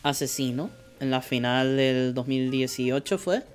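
A man's voice: mid-range voice, measured pace, faint music behind. A man from streaming a cooking game, chatting casually and muttering order items under his breath, swearing when frustrated. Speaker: gameplay streamer. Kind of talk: casual commentary while playing.

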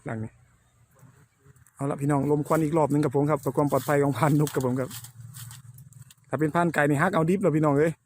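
A man hosting a casual countryside vlog, talking excitedly to his viewers while hunting bees outdoors. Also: a little high, fast, pauses often. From Thailand. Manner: excited, laughing, addresses viewers as brothers and sisters. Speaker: channel host, bee hunter. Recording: faint background noise outdoors.

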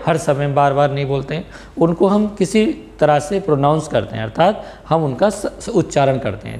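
A man teaching English grammar, mixing English terms into Hindi, asking questions and answering them himself, often checking whether students are clear. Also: fairly high pitch, a little mellow. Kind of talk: classroom lesson.

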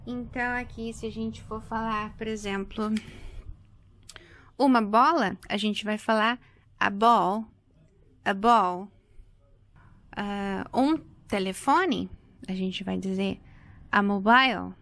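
A woman's voice: mid-range voice, takes it slowly, a bit bright. A woman, explaining an English grammar lesson and repeating example words patiently for her students. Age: 30s. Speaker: English teacher.

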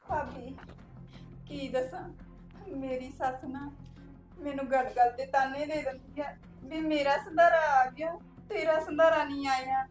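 Brief: actress as emotional young married sister, high-pitched, tearful. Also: female voice, steady tone, unhurried, soft background music. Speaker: married sister welcoming her brother. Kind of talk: village drama acting.

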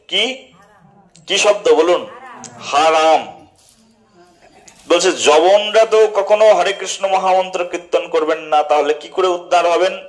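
A male preacher delivers a devotional sermon in a fairly high voice. He keeps asking his listeners questions and answering them himself, and he slows down to stretch out the key words.

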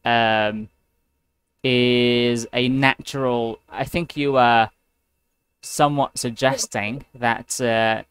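A man tutoring English one-on-one over a video call, talking slowly and patiently with many fillers. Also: medium pitch, fairly even intonation, a bit bright, clear, resonant tone, dry recording. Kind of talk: one-on-one class conversation. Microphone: computer mic on a video call.

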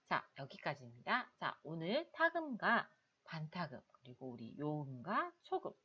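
Woman teacher, slow syllable drills, lively pitch, muffled lo-fi sound. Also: slightly rough. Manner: patient, drills each syllable with repeats. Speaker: Japanese language teacher. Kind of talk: slow, repetitive pronunciation drill. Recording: dull, lo-fi audio.

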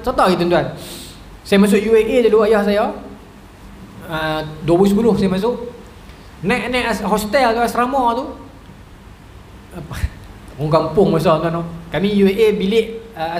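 A man's voice: high-pitched, lively intonation, brisk, pauses often. A man in his thirties with a northern Malaysian Malay accent, giving a humorous religious lecture full of stories and asides to the audience. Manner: chatty, storytelling, keeps asking the audience "right?". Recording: echoey hall with faint noise.

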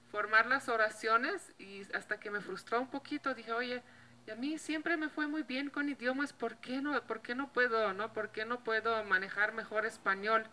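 Speaking with a Slovenian accent, a thirty-something Slovene vlogger chats to camera on a patio by a block wall, using a handheld mic, laughing lightly and restarting words now and then. Her pushed, bright voice leans high. The low-quality recording carries a little hiss or hum.

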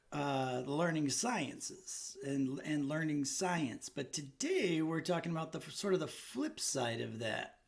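High-voiced jokey male co-host. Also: gravelly. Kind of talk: casual chat.

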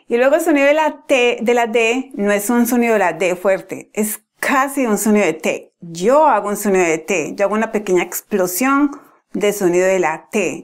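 A young woman giving a casual pronunciation lesson, explaining patiently step by step with frequent restarts. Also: medium pitch. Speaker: pronunciation teacher.

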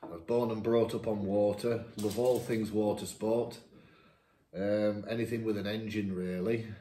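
A chatty man from Lincolnshire, England, a YouTuber, reads viewer questions aloud at his dining table at home and answers them casually, laughing at himself. His voice is lowish, dark and steady, at a measured pace, with a little hiss or hum. He's filmed by a camera across the table in an echoey room.

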